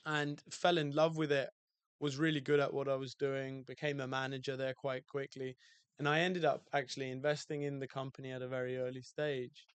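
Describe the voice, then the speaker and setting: A relaxed man with a British accent talks through his life as a podcast guest, rambling a little and circling back on his words. His voice is smooth and clear and stays fairly level in pitch. The sound is dry and close, with no room around it. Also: fairly quick, dry recording. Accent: British English. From England, outside London. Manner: easygoing, loose storytelling with many fillers and restarts. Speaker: guest, hotel owner.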